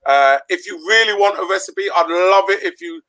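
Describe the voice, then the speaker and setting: Caribbean-born male host, higher voice, bright tone, chatty and rambling, video call audio. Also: poor audio. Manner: chatty, rambling, quick to laugh. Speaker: podcast host. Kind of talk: casual online show chat.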